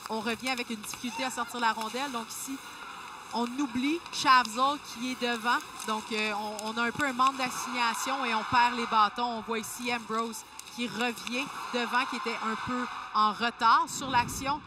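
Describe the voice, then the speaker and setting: A woman's voice: on the high side, steady tone, normal speed. A woman working as a hockey colour analyst, explaining replays live in a hesitant, step-by-step way. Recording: very loud arena noise behind voice. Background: hockey arena ambience.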